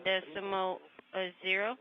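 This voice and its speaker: A woman's voice: mid-range voice, level tone, a little slow. A woman at mission control reading out clipped procedural callouts with hesitant fillers, heard over a crackly space-to-ground radio loop. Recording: muffled lo-fi radio with faint hiss.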